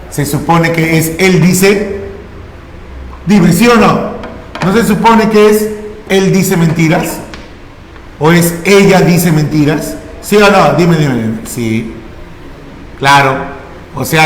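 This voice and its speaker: High-voiced man teaching in echoey classroom. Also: a little hiss or hum. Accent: Peruvian Spanish. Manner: questioning, coaxing students with repeated prompts. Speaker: language teacher. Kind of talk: classroom grammar lesson. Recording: echoey classroom with long reverb.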